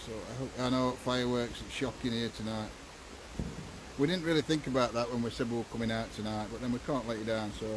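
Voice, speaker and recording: A British man with a mid-pitched voice chats informally to live viewers as he hosts from the woods at night. His delivery is chummy and loose, with repeated greetings, over clearly noisy outdoor ambience. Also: steady tone, fast. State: tired from walking. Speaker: livestream host of night-time ghost hunt. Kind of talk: casual live-stream chat, greeting viewers.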